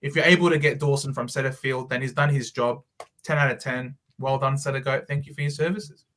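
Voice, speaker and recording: A man's voice: medium pitch, fairly even intonation, a little fast, fairly bright tone. A man hosting a football live stream, talking casually and enthusiastically. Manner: enthusiastic, effusive, says mate and bro. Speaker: host.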